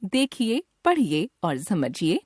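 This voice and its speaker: Slow, lively woman teaching grammar. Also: medium pitch, slightly rough, no room sound, clean studio sound. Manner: slow, careful enunciation with an expressive teacherly lilt. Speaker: Hindi grammar narrator. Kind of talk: scripted textbook lesson narration.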